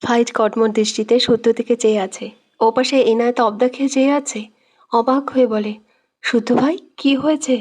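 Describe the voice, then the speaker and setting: A woman storyteller narrating a romantic audio story with expressive, dramatic delivery. Her voice sits a little high. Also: moderate pace.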